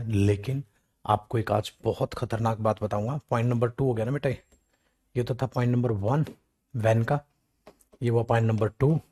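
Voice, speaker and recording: In an animated grammar class for government exams, a male English teacher mixes English examples with Hindi explanation. He affectionately scolds and coaxes his students, calls them "beta," and imitates their complaints in a weak, low voice.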